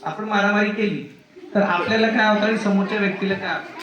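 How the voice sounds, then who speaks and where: A man's voice: high voice, steady tone, fast talker, muffled recording. A man with a Marathi accent, a child psychiatrist, teaching young schoolchildren and asking them many questions. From India. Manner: asks many questions, acts out children's voices. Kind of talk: classroom talk with children. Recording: echoey classroom, children's chatter.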